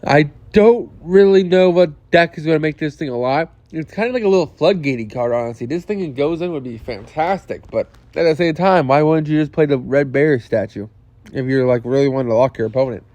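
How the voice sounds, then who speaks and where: A man's voice: a little high, brisk, darkish tone, dry recording. A young man casually reviewing game cards, thinking aloud with frequent restarts and the odd swear word. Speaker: card game video host. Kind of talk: casual card review commentary.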